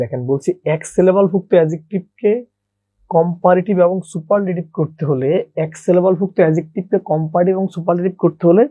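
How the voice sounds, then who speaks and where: A man's voice: fairly high pitch, dark tone, dry recording. Man teaching grammar, dry close mic. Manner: repeats questions and answers them himself, calls listeners brother. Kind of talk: online grammar lesson.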